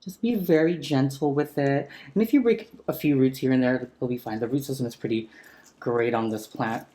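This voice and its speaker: A man talking casually while repotting a houseplant at home, gently enthusiastic, speaking into a sensitive close mic turned up for ASMR. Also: medium pitch, moderate pace. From San Francisco area. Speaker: plant vlogger. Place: home room with a chandelier.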